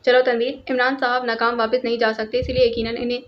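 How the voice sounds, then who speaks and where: A woman's voice: fairly high pitch, little pitch movement, a little hiss or hum, close to an everyday voice. A woman voicing a loyal male agent who asks respectful questions, in a storybook reading. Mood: questioning. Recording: lo-fi, dull sound.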